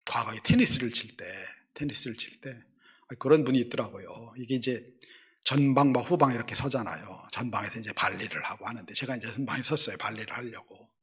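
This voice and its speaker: A middle-aged man preaches with a husky, slightly breathy voice at a medium pitch. He tells his story to the congregation, acting out the people in it, and swings from loud, stressed words to hushed asides. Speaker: senior pastor. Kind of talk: sermon.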